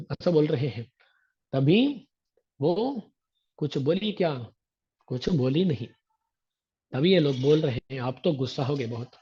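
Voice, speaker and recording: A man's voice: a little high, slightly rough. Man giving a devotional discourse, dull recording. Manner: explains verses with homely everyday examples and gentle humor; recites scriptural verses slowly. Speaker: religious teacher. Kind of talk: devotional discourse explaining verses.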